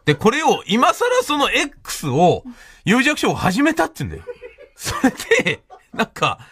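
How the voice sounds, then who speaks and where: Lively high-voiced man telling a comic story. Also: normal speed, background noise. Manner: animated, laughing often, acting out quoted voices. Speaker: radio show host. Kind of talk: solo comic storytelling monologue.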